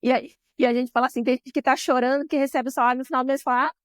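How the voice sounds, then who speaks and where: A woman's voice: high-pitched, steady tone, rapid-fire, no room sound, clean studio sound. A woman with a Brazilian Portuguese accent, a guest in a podcast interview, telling stories with feeling and often tagging her sentences with questions. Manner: emotional, frequent tag questions. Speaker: guest, social business director.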